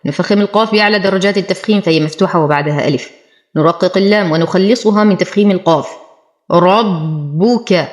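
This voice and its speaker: A woman teaching Quran recitation, explaining the rules of each word and then reciting it slowly and deliberately. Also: medium pitch. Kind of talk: tajweed lesson with slow recited examples.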